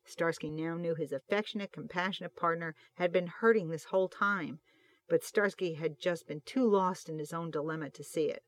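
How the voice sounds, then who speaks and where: Audiobook narrator, fan fiction, steady expressive reading, mid pitch. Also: moderate pace.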